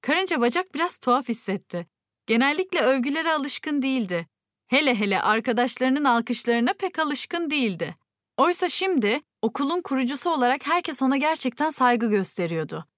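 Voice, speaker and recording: A woman reading a children's story aloud, lifting her voice for the excited lines. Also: sits high, moderate pace, no echo, studio quality.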